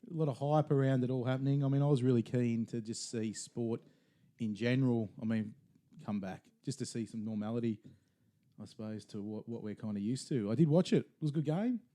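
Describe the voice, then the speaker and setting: Dark-voiced Australian man, chatty podcast host. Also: medium pitch, fairly quick. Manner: chatty, laughing often. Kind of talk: casual chat over beers.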